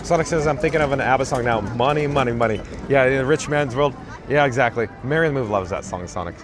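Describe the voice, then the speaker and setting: A livestreamer with a rough voice reads his chat aloud, fast and mid-range, in a deadpan monotone that mocks himself. He stands on a parade route gripping his camera rig, which captures the casual chatter over background music and crowd noise.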